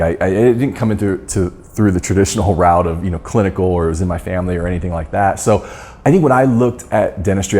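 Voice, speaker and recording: A man's voice: sits low, warm tone. A man giving a storytelling talk on marketing, earnest and often restarting his sentences. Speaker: guest speaker on dental marketing. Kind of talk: storytelling talk to course members.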